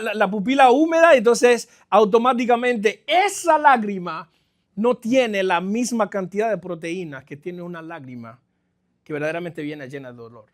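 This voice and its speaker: A middle-aged male pastor preaching a sermon in a church, swinging between loud exclamations and quiet stretches and slipping English phrases into his speech. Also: sits high.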